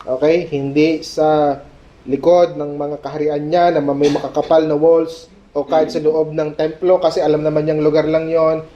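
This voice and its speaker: A male pastor preaching a sermon at a prayer meeting, animated, mixing Tagalog and English and checking in with "Okay?". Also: fairly high pitch, normal speed. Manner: mixes Tagalog and English mid-sentence. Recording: dull lo-fi sermon recording.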